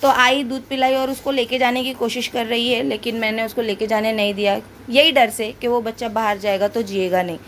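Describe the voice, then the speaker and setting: A woman from India talks straight to her phone camera in a relaxed, chatty home-vlog style. Her voice sits a little high, and she sounds sore from dental treatment. Faint household ambience hums behind her. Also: fairly quick, hardly any pauses, a little hiss or hum. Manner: chatty, addresses viewers directly. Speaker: vlogger. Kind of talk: casual home vlog narration. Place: home and hospital, indoors.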